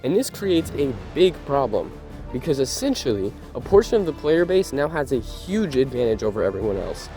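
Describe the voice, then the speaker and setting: Congested male gaming commentator, lively sarcastic rant, warm dark tone, faint music under. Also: mid-range voice, normal speed. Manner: animated, sarcastic ranting. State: sick, congested voice. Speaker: gaming YouTuber.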